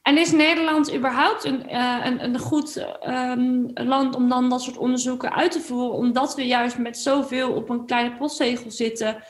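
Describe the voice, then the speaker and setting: A woman's voice: high voice, steady tone, normal speed, hardly any pauses. A woman from the Netherlands hosting a podcast, asking questions in a chatty way, searching for words as she talks. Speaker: podcast host. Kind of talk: casual interview.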